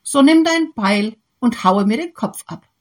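A woman's voice: a little high, lively intonation, a little slow. A woman voicing a small enchanted female snake in a fairy tale, pleading and earnest. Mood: urgent. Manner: pleading, solemn storybook voice.

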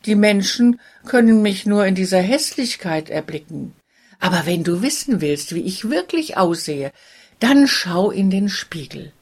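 A woman voicing a sad cursed princess in a fairy tale, speaking softly and sorrowfully, slow and breathy. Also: on the low side, expressive, heavily acted. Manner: soft, sorrowful, partly whispered.

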